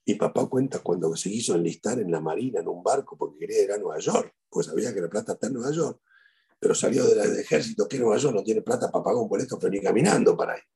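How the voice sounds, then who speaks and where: A middle-aged rabbi with an Argentine Spanish accent delivers a eulogy sermon as animated storytelling, repeating his key phrases. His voice is deeply raspy and full of gravel. His pitch swings widely as he talks. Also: quick pace.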